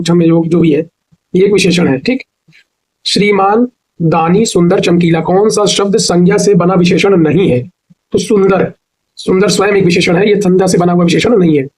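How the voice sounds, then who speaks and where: North indian guy teaching hindi grammar for an exam, kinda high voice, breathy, asks then answers himself. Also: rough recording. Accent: Hindi-speaking North India. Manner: quizzes and answers himself, spells words out slowly syllable by syllable.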